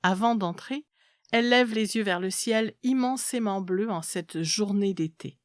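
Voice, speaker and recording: A woman's voice: mid-range voice, measured pace, no room sound. Woman reading a story, dry close sound. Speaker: narrator of a literary short story. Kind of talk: scripted literary narration, read aloud.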